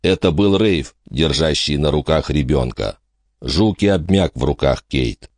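Man, audiobook narrator, very low voice, lively intonation, dramatic measured reading, dry close recording. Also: no echo. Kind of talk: scripted narration.

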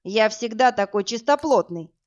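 A woman voicing a burly, crude male thug who barks orders and mocks, in a rough, coarse, threatening manner. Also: a little high, animated, moderate pace, darkish tone, natural voice. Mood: gruff. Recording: dull lo-fi audiobook, faint music.

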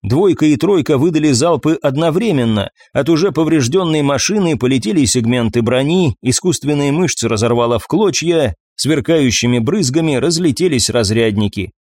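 A man reading an audiobook in a measured, even storytelling voice. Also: medium pitch, no echo. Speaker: audiobook narrator. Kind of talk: scripted narration.

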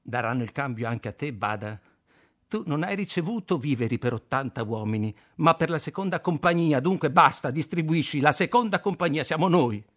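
A man playing a tough, cunning squad leader in his forties, gruff and shouting orders. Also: on the high side, expressive, a little fast, voice pushed up. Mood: angry.

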